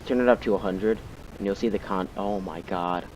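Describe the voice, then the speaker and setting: A man's voice: on the low side, a little fast, a little mellow, lo-fi sound. A man commentating casually over horror gameplay as an easily spooked streamer, rambling in slang to his viewers over very noisy sound with car hum. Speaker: gaming streamer.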